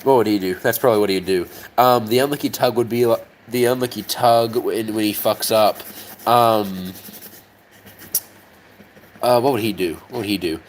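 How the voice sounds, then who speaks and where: A man's voice: on the low side, moderate pace, slight background noise, low-quality recording. A young man with an Australian accent, chatting casually while he works, swearing often and filling gaps with ums as he tries to remember things. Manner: swears freely, lots of ums and trailing off. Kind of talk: casual rambling chat while working on a model.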